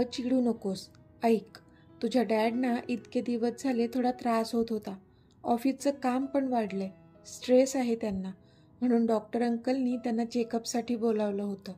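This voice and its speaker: A woman voicing a calm, caring mother. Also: on the high side, normal speed, soft background music, close to an everyday voice. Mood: soothing. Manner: soothing, explanatory.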